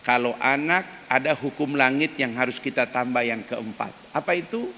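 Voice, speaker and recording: Man, ustadz preacher, emphatic mosque sermon, gravelly voice, long hall reverb. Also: normal speed, a little hiss or hum. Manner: emphatic, addresses the men of the congregation directly; acts out quoted prayers in loud, high cries.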